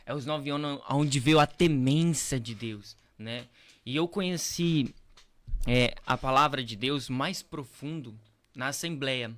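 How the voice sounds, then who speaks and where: On a podcast, a young Brazilian pastor slowly relates his testimony of faith in a casual conversation. His voice sits at medium pitch with a fairly bright tone; he's earnest, circles back to the same phrases, and often uses tag questions.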